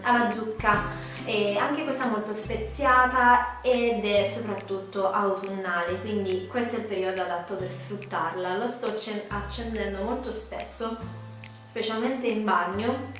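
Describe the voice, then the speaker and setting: A woman's voice: medium pitch, fairly even intonation, a little slow, fairly bright tone. Female vlogger, 20s, congested duck-like nasal voice, casual delivery, strong room echo. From Puglia, southern Italy. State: congested from a cold, sore throat, duck-like nasal voice. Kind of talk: casual talk to camera. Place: small bedroom indoors. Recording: very echoey room, music behind. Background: music.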